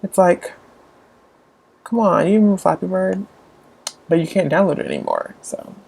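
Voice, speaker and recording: A man's voice: high voice, huge pitch swings, moderate pace, gravelly, a little mellow. A young man hosting a casual live stream, chatting with viewers while getting frustrated with his tablet and phone. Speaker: livestream host.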